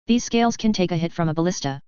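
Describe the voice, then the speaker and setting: Brief: woman narrator, steady audiobook read, lowish voice, dry close-mic sound. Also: fast, smooth, dry recording. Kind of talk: first-person audiobook narration of fan fiction. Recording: dull lo-fi recording.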